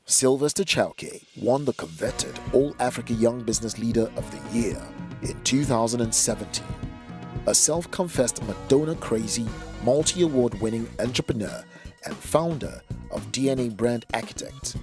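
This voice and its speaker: A man's voice: mid-range voice, moderate pace. A man reading a scripted introduction in a formal announcer delivery. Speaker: narrator. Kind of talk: scripted narration. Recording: narration over music.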